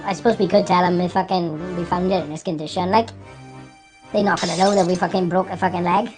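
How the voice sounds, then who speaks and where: A man with a Welsh accent voicing a cocky, bungling cartoon handyman in a sweary, excitable comedy voice-over. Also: high voice, fast talker, over music, lightly acted. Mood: cocky, scheming. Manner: sweary, colloquial, excitable banter.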